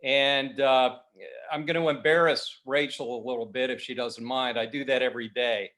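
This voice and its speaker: A newspaper editor speaking at a community annual meeting, reading passages aloud with frequent fillers. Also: male voice, mid-range voice, fairly even intonation, fairly bright tone. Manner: reads quotes slowly, with many fillers.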